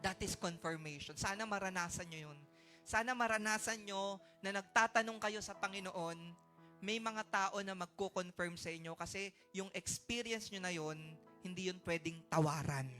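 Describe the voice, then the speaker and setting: A man with a Filipino accent delivers a sermon in a church sanctuary, sharing his testimony and urging the congregation on. His voice is bright and forward, swinging from hushed storytelling to loud exhortation. Faint music plays behind him. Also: high-pitched, moderate pace. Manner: switches between soft storytelling and loud exhortation, calls for amens. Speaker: pastor.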